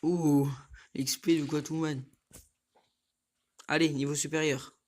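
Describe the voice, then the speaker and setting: A man's voice: on the high side, slow pace, a little hiss or hum. A young man from France giving casual, rambling commentary while playing a fighting game, now and then talking back to the screen. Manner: rambling, excitable, mutters to the game. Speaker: gaming youtuber. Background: game music.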